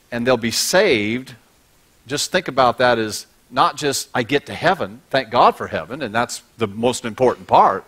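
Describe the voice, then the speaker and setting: Man, middle-aged, pastor, humorous conversational sermon, medium pitch, body mic, church stage. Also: fairly bright tone, breathy edge. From United States. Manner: humorous, conversational preaching, props in hand.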